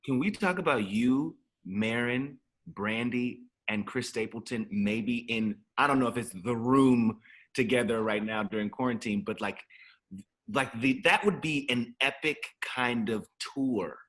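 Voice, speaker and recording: A man hosting an entertainment interview, asking questions eagerly and reacting quickly. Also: medium pitch, fairly bright tone. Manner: enthusiastic, fast, quick to react. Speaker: entertainment show host. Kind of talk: casual interview.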